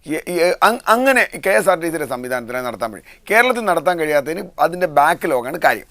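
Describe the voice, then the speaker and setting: A man's voice: a little high, sing-song, quick pace, bright, forceful tone, no room sound. A man arguing his point as a guest on a televised panel discussion. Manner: argumentative, rebutting.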